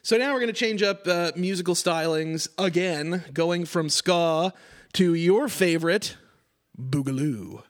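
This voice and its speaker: A man's voice: on the high side, a little slow. A middle-aged man from Quebec hosting a radio music show, chatting casually about records with many fillers and "like"s. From Quebec, Canada. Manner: rambling, filler-heavy, many "like"s. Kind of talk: casual on-air chat.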